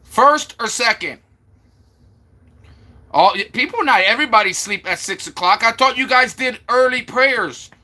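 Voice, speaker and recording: Bright-voiced, high-pitched man streaming live. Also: lively intonation, unhurried. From Florida, USA. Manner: chatty, sounds out names from chat again and again. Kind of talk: casual live-stream chat with viewers.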